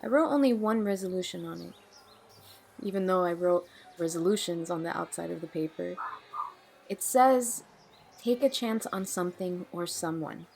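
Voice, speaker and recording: Acting out audio drama dialogue in a naturalistic amateur way, a woman portrays Nicole, a troubled young woman who is guarded, awkward and wary. Her low, gravelly, slightly mellow voice moves at a moderate pace against slight background noise. She sounds hesitant and plain, guarded yet confessional.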